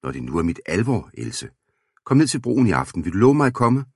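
A man's voice: on the low side, sing-song, breathy edge, no echo, studio quality, pitched above the performer's own voice, heavily acted. A man reading aloud and voicing an eager, hot-headed young male peasant farmer in a storybook. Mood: urgent.

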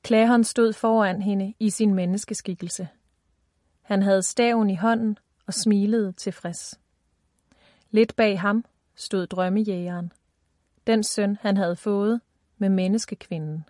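A woman narrating a children's fantasy audiobook in a calm, even storytelling voice. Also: medium pitch, dry recording, studio quality.

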